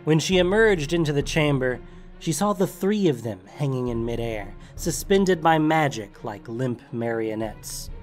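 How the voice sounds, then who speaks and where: A man giving dramatic, steady scripted narration of a story. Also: mid-range voice, a little slow, soft background music.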